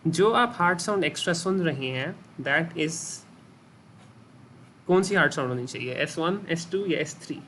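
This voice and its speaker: Fairly high-pitched and animated at a normal speed, this male lecturer with a Pakistani Urdu accent teaches medicine in a fairly bright tone. He questions his students, echoes back what they say, and mixes in English medical vocabulary, with a little hiss or hum in the background.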